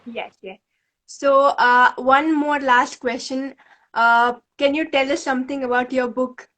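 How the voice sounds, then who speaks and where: A woman's voice: high-pitched, steady tone, unhurried, fairly bright tone, poor audio. A woman hosting a livestream over a video call, asking earnest questions with many hesitations. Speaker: livestream host. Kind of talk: interview questions.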